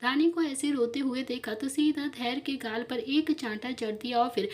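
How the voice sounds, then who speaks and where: A woman narrating an emotional family story in steady storytelling. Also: sits high, normal speed. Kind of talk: scripted narration.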